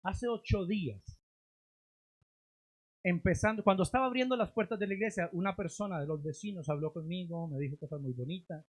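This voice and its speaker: A man preaching a sermon as a pastor in a church, rising to loud emphatic lines and then dropping to low, drawn-out endings. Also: breathy edge. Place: church sanctuary.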